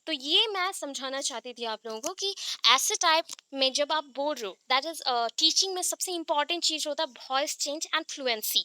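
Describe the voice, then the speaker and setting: Woman teacher on a video call, high and bright, close dry sound, explains step by step and keeps checking in with students. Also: expressive, moderate pace, no room sound. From India. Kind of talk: online class lecture.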